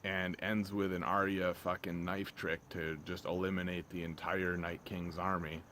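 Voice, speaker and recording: A man with a low voice rants casually over clearly audible ambient noise. He rambles, circles back on the same phrases and often trails off before finishing. His delivery is blunt, exasperated and peppered with profanity. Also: little pitch movement, normal speed, a bit bright. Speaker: vlogger reviewing a TV episode. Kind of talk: casual off-the-cuff rant.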